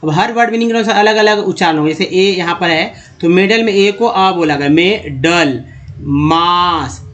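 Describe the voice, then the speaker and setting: A man teaching English pronunciation over a screen lesson. He talks slowly, spelling out letters and repeating words. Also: high-pitched, lo-fi sound. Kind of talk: screen-based spoken lesson.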